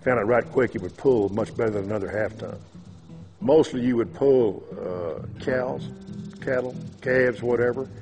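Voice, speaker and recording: A man with a West Texas twang telling his story in a relaxed, unhurried, folksy way, pausing as he goes. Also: mid-range voice, highs cut off, faint music behind. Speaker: truck-testing cattle rancher.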